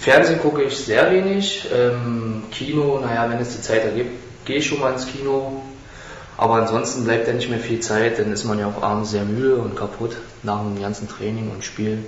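A man in his twenties giving a halting, rehearsed self-introduction at a casting interview, in a small room on a handheld mic. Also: medium pitch, steady tone. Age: 20s. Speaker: model contestant. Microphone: handheld mic held by interviewer. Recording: echoey room, slightly dull, faint hiss.

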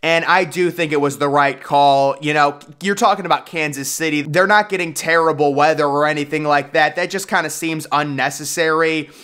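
A man's voice: fairly high pitch, fairly even intonation, normal speed, few pauses, fairly bright tone, smooth. A young man giving casual, opinionated commentary in a voice-over, enthusiastic and conversational. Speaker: YouTube sports commentator.

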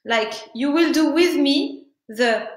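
A woman's voice: high-pitched, echoey room, poor audio. Woman teaching singing. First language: French. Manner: halting, searching for words, demonstrates with sung syllables. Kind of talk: online singing workshop.

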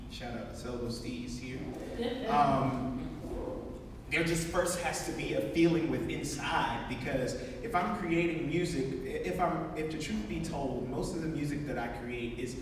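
Guy on a panel answering, laughs a bit, boomy hall, hissy background. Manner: earnest, chuckling between thoughts. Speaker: panelist, singer. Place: stage in a large hall before an audience. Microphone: stand mic, heard from afar. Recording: echoey hall, distant mic, hiss.

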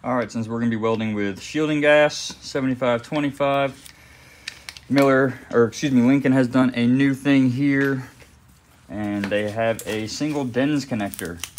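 A man's voice: mid-range voice, moderate pace. A young man talks loosely and casually as he works with his hands in a concrete-floored garage workshop. His voice sits in a mid range and is picked up by a nearby phone camera. Faint shop noise hangs in the background. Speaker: welding hobbyist vlogger. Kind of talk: casual unboxing and how-to talk. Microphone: phone camera held or propped nearby.

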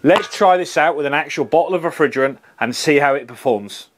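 A man's voice: on the high side, brisk. A man, reviewing trade tools in a practical, plain-spoken way, on a lapel mic in an office. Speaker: HVAC engineer reviewing tools. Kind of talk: product review presentation.

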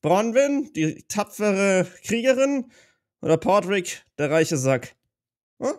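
A man's voice: sits high, big pitch swings, takes it slowly. A man playing his knight character in a tabletop role-play, talking in a reflective, hesitant way. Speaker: player.

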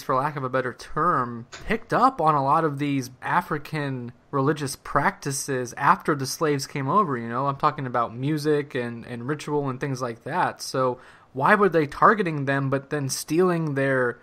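A man's voice: on the high side, bright, forceful tone. A man hosting a podcast, asking a question in a casual, conversational way. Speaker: podcast host. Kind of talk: conversational interview.

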